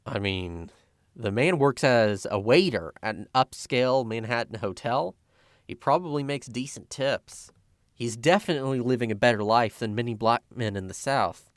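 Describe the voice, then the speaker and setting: A man's voice: medium pitch, normal speed, dry recording, clean studio sound. A man narrating a scripted video essay as a film critic, opinionated and sarcastic in his commentary.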